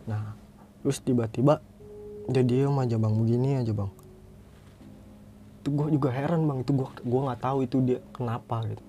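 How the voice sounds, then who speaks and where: A man tells a story in a loose, chatty way and keeps calling his listener "Bang". His voice is mellow and warm, with faint music playing underneath. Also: mid-range voice. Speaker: guest storyteller. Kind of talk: casual storytelling.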